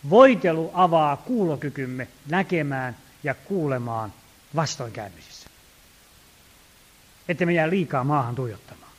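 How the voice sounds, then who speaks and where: A man preaching a sermon, reading scripture slowly and emphatically, with folksy storytelling asides. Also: on the high side. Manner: slow, emphatic reading of scripture, rising loud on exhortations.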